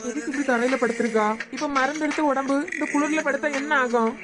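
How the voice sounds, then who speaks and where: A woman with a Kanyakumari Tamil accent voicing a teasing, devoted young male doctor in a cartoon, scolding in quick banter. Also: sits high, steady tone, over music, close to an everyday voice. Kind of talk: cartoon voice acting.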